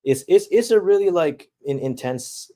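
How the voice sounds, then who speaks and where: A young man streaming, reading out chat messages and answering them in halting, reflective casual talk. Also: high-pitched, lively intonation, mellow. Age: young adult.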